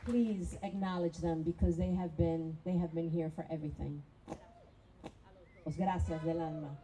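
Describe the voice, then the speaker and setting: A woman's voice: sits low, steady tone, moderate pace, mellow, poor audio. A woman school principal giving a heartfelt, emotional graduation speech into a podium microphone. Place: graduation ceremony.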